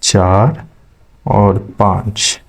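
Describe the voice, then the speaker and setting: A man's voice: on the low side, fairly even intonation, drawn-out words, creaky. A man teaching maths step by step, checking in with his students as he explains. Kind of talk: classroom lecture.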